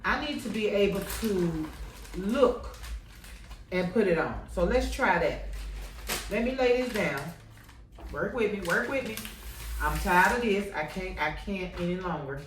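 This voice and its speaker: A woman's voice: mid-range voice, lively intonation, measured pace, pauses often, slight background noise. A woman chatting to herself and her viewers as she works on a craft project, using Southern US slang. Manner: chatty, talks to herself and the viewers while working. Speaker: crafting vlogger. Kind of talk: casual crafting tutorial. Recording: roomy, from a distance, faint ambience.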